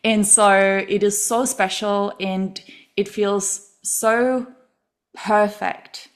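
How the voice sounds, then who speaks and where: Mid-pitched woman hosting a podcast. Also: fairly even intonation, extremely slow. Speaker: podcast host. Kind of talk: interview introduction.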